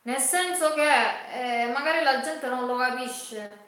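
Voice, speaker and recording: Donna siciliana dalla voce squillante, stanza rimbombante. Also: female voice, high voice, slow pace, a bit bright. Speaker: cooking livestream host. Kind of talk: casual live chat with viewers. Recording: very echoey room.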